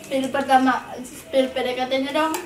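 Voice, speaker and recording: A woman's voice: sits high, flat delivery, unhurried, music in the background. A woman, chatting casually with others over food. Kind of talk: casual chat while eating, mukbang. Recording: echoey, distant mic, faint noise.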